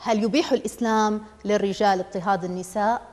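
Woman host, scripted story narration, calm and measured, brisk reading, echoing hall. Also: mid-range voice, over music. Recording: long hall reverb.

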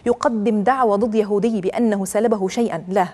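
A woman giving a measured, earnest religious talk, telling stories to make her point. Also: medium pitch, steady tone, warm tone. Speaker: religious speaker.

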